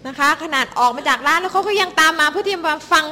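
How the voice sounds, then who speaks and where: Bright, quick woman interpreting a sermon. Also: high-pitched. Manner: lively, expressive, warm address to congregation. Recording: hall reverb.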